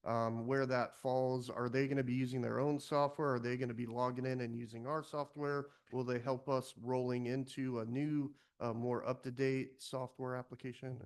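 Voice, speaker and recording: A man's voice: medium pitch, level tone, moderate pace, few pauses, clean tone. A man, a city commissioner, asking questions hesitantly with many fillers at a public meeting.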